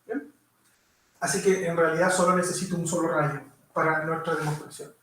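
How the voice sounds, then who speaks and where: A man's voice: a little high, fairly even intonation, normal speed, a bit bright. A man giving a physics lecture, walking through steps and checking understanding with constant tag questions. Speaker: physics teacher. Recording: very echoey room, mic far off.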